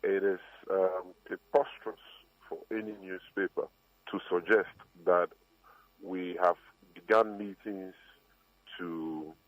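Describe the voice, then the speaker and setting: A deep-voiced man speaks slowly and emphatically, pausing between phrases. His voice arrives through a fuzzy, distorted phone line that sounds thin and tinny. The sound is dry, with no room around it. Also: steady tone, no echo. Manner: measured, emphatic denial with pauses. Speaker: party communications officer.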